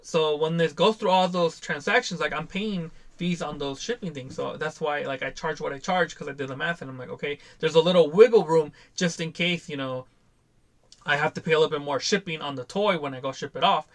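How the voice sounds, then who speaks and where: Young adult man, casual vlog host, exasperated, slightly high voice, lively quoted asides. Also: fairly quick. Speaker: toy seller and channel host.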